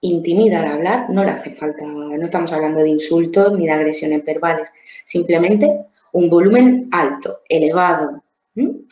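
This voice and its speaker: Speaking at a normal pace in a low-pitched voice, a woman trainer lectures on social skills. She breaks things down step by step, repeats words, and asks tag questions, all in an echoey room with a muffled recording.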